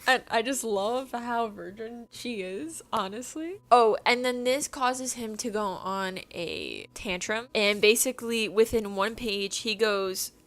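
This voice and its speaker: A woman's voice: fairly high pitch, unhurried, hardly any pauses, fairly bright tone. A young woman ranting about a book in a casual, profane, late-night chat, full of "like" fillers. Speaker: book reviewer and artist. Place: home, drawing while screen sharing.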